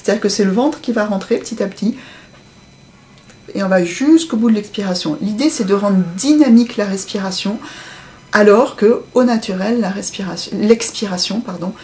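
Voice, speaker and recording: A woman's voice: mid-range voice, moderate pace, warm tone. A woman voice coach explaining how speech works, acting out example phrases in different tones as she talks. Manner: demonstrative, acts out example phrases in varied voices. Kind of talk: explanatory interview talk.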